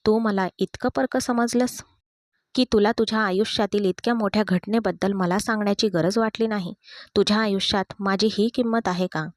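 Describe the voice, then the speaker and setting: A woman's voice: mid-range voice, fairly even intonation, moderate pace, dry recording, close to an everyday voice. A woman voicing a talkative, melodramatic young male friend in a storybook reading, exclaiming and indignant.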